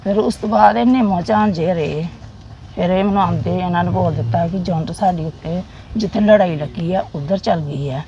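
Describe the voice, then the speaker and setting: Against background noise in a muffled recording, a middle-aged woman with a Punjabi accent from Jammu shares memories as a soldier's widow. Her lowish voice moves in a plain, halting way, and she repeats phrases.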